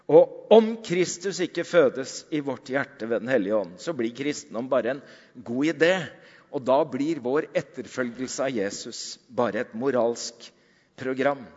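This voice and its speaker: A middle-aged man preaching a sermon as pastor, telling stories animatedly and moving between loud emphasis and quiet passages. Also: medium pitch. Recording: dull sound with long hall reverb.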